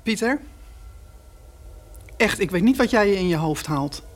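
An actress playing a mother who talks in a firm, calming manner and scolds her son. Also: mid-range voice, a little slow. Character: stern but calm mother of a boy.

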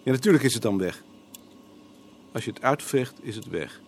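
An actor playing an irritable husband in a film drama, gruff and quick to flare up. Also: male voice, mid-range voice, expressive, a little hiss or hum, lightly acted. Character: grumpy middle-aged husband, short-tempered.

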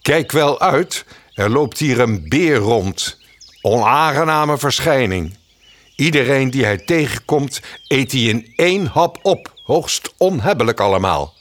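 A man's voice: medium pitch, animated, a little slow, a bit bright, voice pushed up. A man voicing a solemn, fussy old-fashioned owl in a children's storybook, speaking in a formal, pompous way. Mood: warning.

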